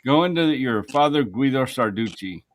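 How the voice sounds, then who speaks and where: A man's voice: medium pitch, lively intonation, moderate pace. A man joining a livestream, joking and teasing the host in casual banter.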